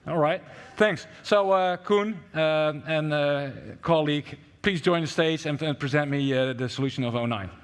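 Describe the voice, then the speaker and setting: A man's voice: on the high side, normal speed, few pauses, clean tone. A male event moderator introducing speakers in a hesitant way, with many fillers. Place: conference venue. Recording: long hall reverb.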